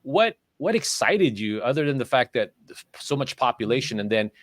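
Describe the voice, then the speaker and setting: A man's voice: medium pitch, big pitch swings, normal speed, no echo, studio quality. A man hosting a livestream interview, asking long, rambling questions full of restarts. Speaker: livestream show host. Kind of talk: casual interview conversation. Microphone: livestream call microphone.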